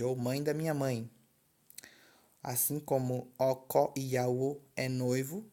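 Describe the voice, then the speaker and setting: A man teaching a language lesson, slow and patient, saying each word twice. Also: mid-range voice, darkish tone.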